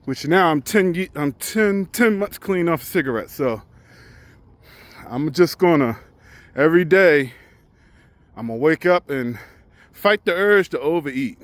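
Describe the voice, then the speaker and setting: A man's voice: on the high side, expressive, unhurried, long pauses, no room sound. A truck driver in his forties, talking candidly and reflectively in a casual vlog while out on a walk, often restarting his sentences as he thinks aloud. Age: 40s.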